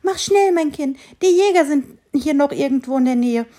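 A woman's voice: high-pitched, animated, moderate pace, dark tone, voice pushed up. A woman voicing a caring, anxious mother deer who urges her fawn on while reading a storybook aloud. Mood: urgent. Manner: urgent, protective.

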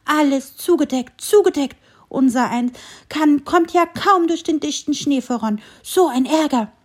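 A woman's voice: sits high, a little slow, pitched above the performer's own voice. A woman voicing a grumpy little squirrel who complains fussily, for a children's story. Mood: grumbling. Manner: fussy, complaining, exclaiming. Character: grumpy little squirrel, cross and easily upset.

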